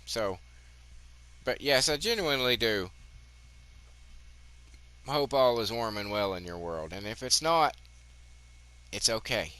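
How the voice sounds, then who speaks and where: A man's voice: on the low side, bright, forceful tone, clear, resonant tone. A man in his fifties hosting his gaming channel, rambling profanely in casual commentary, his voice a bit muffled by a cigarette. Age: 50s. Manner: rambling, profane, chatty asides.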